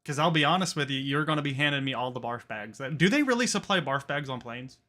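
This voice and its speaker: A man's voice: medium pitch, lively intonation, fast talker, pushed and bright. A man hosting a casual podcast, rambling with lots of fillers and swearing freely. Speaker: podcast host. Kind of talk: casual chat.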